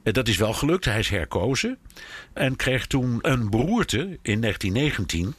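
A man giving measured, explanatory commentary in conversation, hesitating often as he thinks. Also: medium pitch, sing-song, breathy edge, no echo. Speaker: commentator on American politics. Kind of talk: conversational analysis.

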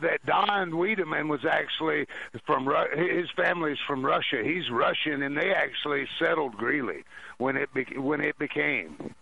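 Gravelly man calling in. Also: fairly high pitch, sharp tone, dry recording. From Louisiana, United States. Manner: rambling, repeats phrases. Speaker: caller to a radio talk show. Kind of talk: casual, slangy call-in chat. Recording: dull lo-fi phone call on radio.

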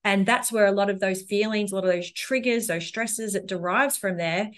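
A woman's voice: medium pitch, normal speed. A woman co-hosting a casual podcast, speaking in an effusive, reflective way. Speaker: podcast co-host.

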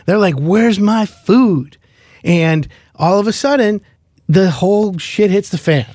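A man's voice: high-pitched, moderate pace, no echo, clean studio sound. A man working as a renovation consultant, telling stories in a casual podcast chat, acting out the people he quotes and swearing freely. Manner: animated, acts out quoted people.

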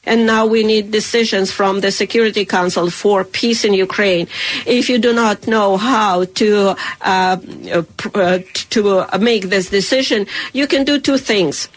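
A woman giving a live interpreter voice for a speech, pausing and restarting with fillers as she keeps up. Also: mid-range voice, poor audio.

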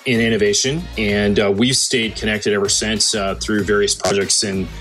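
A man answering as an interview guest, speaking in a measured way with frequent pauses and restarts. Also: fairly low pitch, level tone, fairly bright tone, soft background music. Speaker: guest, healthcare executive.

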